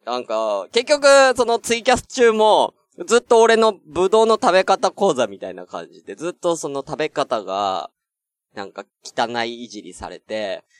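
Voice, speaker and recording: A man's voice: fairly high pitch, very animated, moderate pace, dry recording, clean studio sound. A man hosting a podcast, telling a story in casual chat with lots of fillers and acted-out quotes. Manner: chatty storytelling, many fillers, acts out quoted exchanges. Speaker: podcast host.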